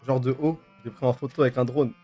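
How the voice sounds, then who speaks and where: A man from France hosting a casual voice chat as a streamer, teasing and mock-serious, now and then breaking into loud fake outrage. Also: medium pitch, steady tone, fast talker, faint music behind. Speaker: streamer host.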